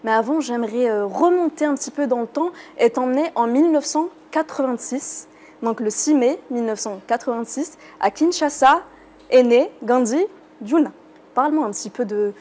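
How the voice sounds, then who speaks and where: A woman's voice: high-pitched, moderate pace, darkish tone, slight background noise. A woman from Algeria, hosting a studio interview in a playful way, slipping between Arabic and French. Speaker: interview host. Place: TV studio set.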